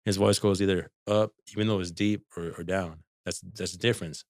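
Deep-voiced rambling male co-host. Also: fairly even intonation, brisk, a little mellow, no room sound, clean studio sound. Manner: rambling, lots of "like" and "bro". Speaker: podcast co-host. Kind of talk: casual hip hop album review chat.

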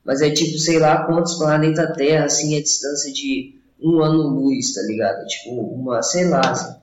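A man's voice: a little high, fairly even intonation, normal speed, a little hiss or hum. A young Brazilian man in a casual, rambling chat, talking in a slangy, meandering stoner style. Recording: roomy echo, slightly dull sound.

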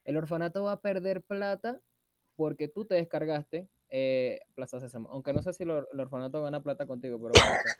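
A young man with a Venezuelan accent co-hosting a podcast, joking in slangy casual chat with loud bursts. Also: on the high side, steady tone, fairly quick, slight background noise. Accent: Venezuelan Spanish. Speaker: podcast co-host.

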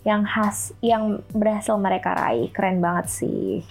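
A woman's voice: medium pitch, fairly even intonation, measured pace, creaky. A young woman hosting like a DJ, chatting informally in slang and addressing listeners as friends. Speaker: radio-style host and DJ. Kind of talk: casual chat presenting pop music trivia.

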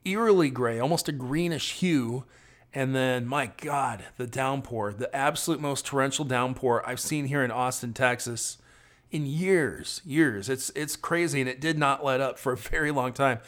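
A man's voice: medium pitch, normal speed, fairly bright tone. A man talks casually to his audience as he drives, recorded as a phone video on a phone fixed to the dashboard of his van. He rambles and thinks aloud, often restarting his sentences as he goes. His delivery is easygoing and conversational, like a road-trip vlogger checking in from the driver's seat. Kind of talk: casual running commentary while driving. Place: inside a van while driving. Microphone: phone mounted on the dashboard.

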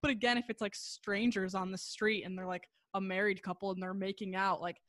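A woman's voice: medium pitch, little pitch movement, brisk, a bit bright, no room sound, clean studio sound. A young woman co-hosting a podcast, talking casually, full of "like", swearing freely and laughing often. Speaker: podcast co-host. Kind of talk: casual chat.

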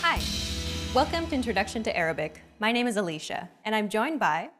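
A woman hosting a language lesson, explaining in clear, measured, scripted narration. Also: medium pitch, big pitch swings, music in the background.

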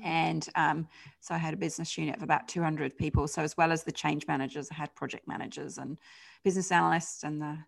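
A middle-aged British woman, a change management consultant, is a guest on a podcast interview. Her low voice has a gravelly, creaky edge, and she talks fast in a relaxed, conversational style packed with ums and self-corrections.

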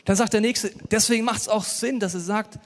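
Preacher, male, high voice, earnest storytelling sermon, long hall echo. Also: steady tone, brisk.

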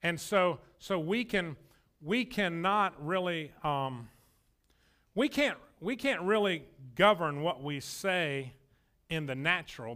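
A man's voice: on the high side, sharp tone. A man, preaching a sermon as pastor in a folksy, joking, emphatic way.

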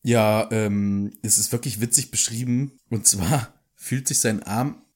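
A man's voice: lowish voice, steady tone, a little slow, darkish tone. A man co-hosting a casual podcast, joking about a book and reading quotes aloud in raised voices. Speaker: podcast co-host.

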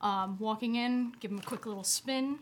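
A woman's voice: a little high, normal speed, slight background noise. A woman playing a tabletop game, playful and self-mocking as she describes her character. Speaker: player.

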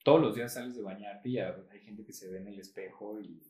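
A man with a Mexican accent chatting casually as a podcast co-host, animated and full of slang. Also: on the low side, brisk. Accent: Mexican Spanish. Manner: animated, slangy, acts out quoted voices. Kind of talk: casual chat. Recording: roomy echo.

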